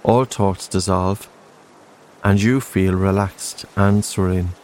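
Low-voiced man, slow soothing sleep narration. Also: fairly even intonation, a little hiss or hum. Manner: gentle, unhurried, with spaced-out phrases. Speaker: guided relaxation narrator.

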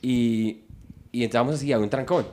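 A man's voice: medium pitch, moderate pace, a little hiss or hum. A man with a Bogotá Colombian accent, telling a story in a casual comedy chat and slipping into mimicked accents. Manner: animated storyteller who slips into mimicked accents. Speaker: podcast host.

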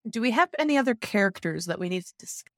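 A woman co-hosting a casual TV recap, briskly steering the talk and retelling scenes. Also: mid-range voice, expressive, dry recording, studio quality. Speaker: podcast co-host.

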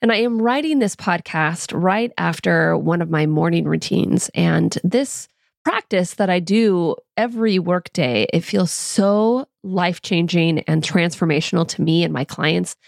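A woman's voice: on the low side, measured pace, vocal fry, no echo, studio quality. A woman hosting a motivational podcast, speaking directly and encouragingly to her listeners in a slightly tired, groggy morning voice. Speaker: podcast host and coach. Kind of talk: scripted motivational podcast monologue.

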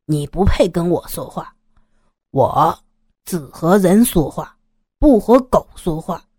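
A woman voicing an arrogant, fat, middle-aged male gangster boss who talks in a cold, menacing, swaggering way, with lively pitch in a dry recording. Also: breathy edge, no echo.

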